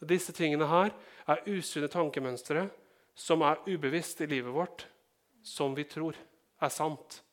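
A Norwegian man serving as pastor preaches in a fairly high voice. He chats with the congregation, asks them questions, and works in lighthearted asides.

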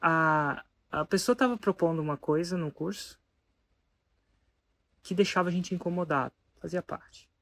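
In a dry recording, a mid-range voice at normal speed narrates a story to an audience in a lively, casual way. The speaker keeps posing rhetorical questions to listeners.

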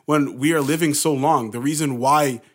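A man's voice: fairly high pitch, steady tone, moderate pace, fairly bright tone. Blunt, swearing young man. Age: 20s. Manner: blunt, swears freely, slang-heavy. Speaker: podcast co-host and musician. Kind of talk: casual chat. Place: basement.

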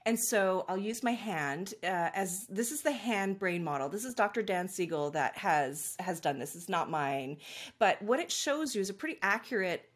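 A woman's voice: mid-range voice, moderate pace. A woman who works as a parent coach, talking casually and telling stories in an interview, laughing easily. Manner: animated storyteller, laughs easily. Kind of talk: conversational interview.

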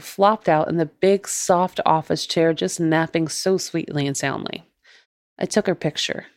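A woman podcast host narrating her own ghost story in a measured, deliberate way. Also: low-pitched, darkish tone, dry recording, studio quality.

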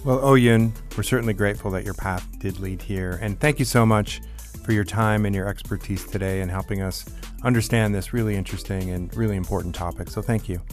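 A man's voice: on the low side, steady tone, fairly quick, faint music behind. A man hosting a conversational podcast interview, friendly and upbeat. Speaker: podcast host.

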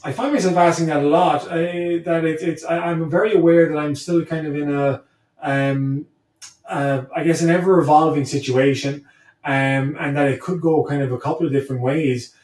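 Speaking at normal speed with fairly even intonation, a man with a fairly high-pitched, darkish voice reflects aloud as an interview guest. He's a native English speaker who hesitates and repeats words as he thinks. The audio has a roomy echo and he's distant from the mic.

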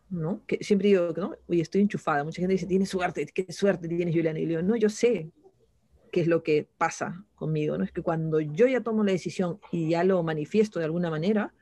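A woman's voice: fairly low pitch, dark tone, no room sound. Reflective woman with tag questions. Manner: reflective, frequent "¿no?" tags and restarts. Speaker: interview guest. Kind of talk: casual conversational interview.

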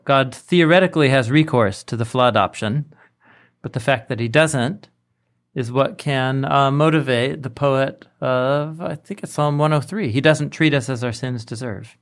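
A man explaining as a teacher in a podcast discussion, deliberate and emphatic in his phrasing. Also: mid-range voice. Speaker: podcast co-host and Bible teacher.

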